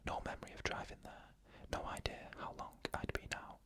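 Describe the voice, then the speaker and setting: A storyteller working in ASMR whispers creepy first-person narratives softly, with no voiced tone. The reading is unhurried and carefully measured.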